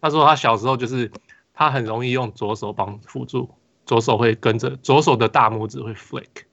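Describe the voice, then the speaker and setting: A man with a gravelly, creaky voice co-hosting a casual podcast. He talks in halting bursts, restarting phrases and slipping between Mandarin and English. The sound is dull and lo-fi. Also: mid-range voice, a bit bright. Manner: halting, code-switching with many restarts. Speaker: podcast co-host. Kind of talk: casual chat.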